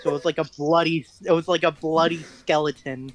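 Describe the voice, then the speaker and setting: Teen guy, slightly higher voice, rambling, self-mocking, casual interview talk. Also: steady tone, a little fast. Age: teens. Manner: rambling, self-deprecating, laughs at his own stories. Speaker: guest musician.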